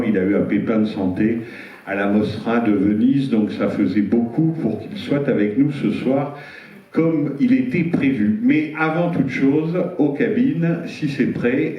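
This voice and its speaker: A man presenting an event live, addressing the audience and the projection booth in French. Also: mid-range voice. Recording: dull, echoey hall, distant microphone.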